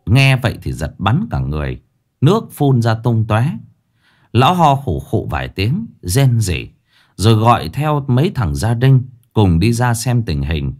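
Lively male ghost-story narrator. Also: fairly low pitch, a little slow.

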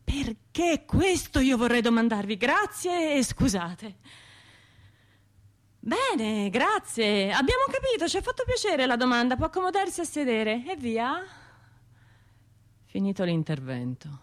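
In this radio drama monologue, a woman voices a troubled, hesitant survivor of a bombing, halting and questioning herself conversationally. Her voice is high-pitched and very animated, with a self-mocking mood.

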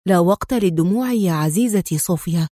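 A woman voicing a bold male secret agent hero who speaks calmly, with mockery and firm command. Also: mid-range voice, fairly quick, dry recording, studio quality, lightly acted. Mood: tender. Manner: calm, mocking, commanding.

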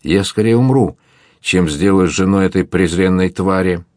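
A man's voice: low voice, moderate pace, darkish tone, dry recording, studio quality, lightly acted. Man reading as defiant young noblewoman. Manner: indignant, defiant.

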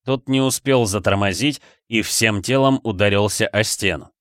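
A man narrating a story in a steady, scripted storytelling delivery. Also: on the low side, normal speed, no room sound, studio quality. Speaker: audiobook narrator.

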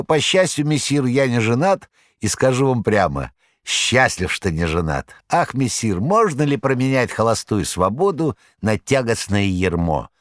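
A man's voice: no room sound, studio quality, natural voice. A man reading an audiobook, voicing a huge boastful male tomcat who whines and pleads theatrically. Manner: shrill, whining, theatrical pleading. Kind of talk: audiobook character voice.

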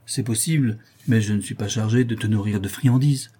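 Reader doing a cowed old fence: lowered, quiet, husky, grudging. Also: male voice, moderate pace. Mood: resentful. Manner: subdued, grudging and low. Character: fretful older male fence, reluctant and grumbling. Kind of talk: audiobook character voice.

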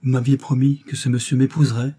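Sly young niece, flat and blunt, husky; a man reading her lines. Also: mid-range voice, fast talker, lightly acted. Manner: blunt and matter-of-fact. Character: sly, blunt young girl, spiteful and stubborn.

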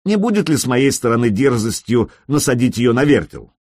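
A man voicing a bold young man who answers with booming sarcasm. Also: big pitch swings, a little fast, a little mellow, no room sound, clean studio sound. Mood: mocking. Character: bold young man in a Viking hall, cool and mocking.

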